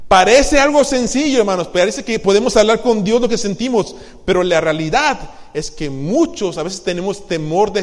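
A middle-aged man preaching as a pastor, swinging between hushed, confessional passages and loud, emphatic ones, often asking his congregation questions. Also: high-pitched. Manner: asks the congregation rhetorical questions. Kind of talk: sermon. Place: church hall. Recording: long reverb in a church hall.

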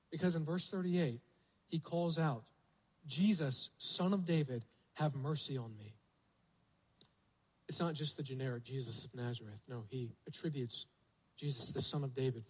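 A man's voice: on the high side, darkish tone, slightly rough, rough recording. A male pastor preaching a sermon, telling the story vividly and asking the congregation rhetorical questions.

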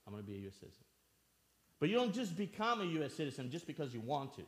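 A man's voice: a little high, sing-song, very fast, fairly bright tone. Earnest man preaching a sermon. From Albania. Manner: earnest, repeats phrases for emphasis, asks the listeners questions.

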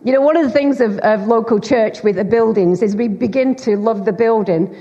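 This guest preacher is a middle-aged woman from Bolton in Greater Manchester, England, with a warm, medium-pitched Lancashire voice at a normal speed. Chatty and teasing, often poking fun at herself, she addresses a church congregation in a church hall. The sound is dull and carries a long reverb from the hall.

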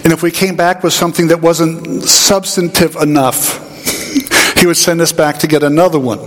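A man preaching a sermon, an animated storyteller who acts out voices in his anecdotes. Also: on the high side, moderate pace. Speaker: pastor. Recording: hall reverb.

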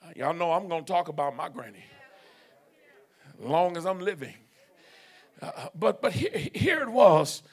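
A man preaching a fervent sermon in a church, breaking into shouts and calling out to the congregation. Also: a little high, lively intonation, measured pace, long pauses, breathy edge. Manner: fervent, shouting in bursts, call-and-response with the congregation. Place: church sanctuary.

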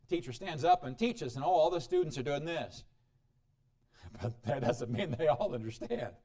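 A man preaching a sermon, reading scripture aloud and explaining it with dramatic swings in loudness and frequent chuckles. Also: animated, a little slow. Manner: dramatic shifts in pitch and volume, chuckles often.

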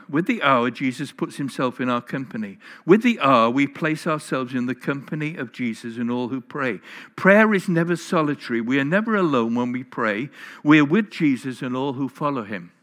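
A man's voice: mid-range voice, a bit bright. A man preaching a sermon in church, earnest and putting questions straight to the congregation. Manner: earnest, questioning the listeners directly. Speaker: pastor.

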